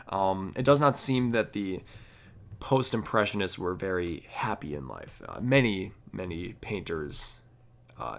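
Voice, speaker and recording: A young man presenting art history in a casual, halting way, often stopping to correct how he pronounces names. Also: sits low, vocal fry, a bit bright. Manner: hesitant, many fillers and restarts, self-correcting pronunciations. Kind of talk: casual educational narration.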